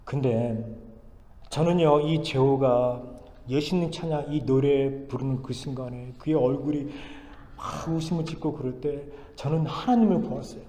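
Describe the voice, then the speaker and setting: A man in his forties, a pastor telling a story in a Sunday sermon, swinging from loud exclamations to hushed asides. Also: mid-range voice, normal speed. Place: large church sanctuary. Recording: echoey church hall, long reverb.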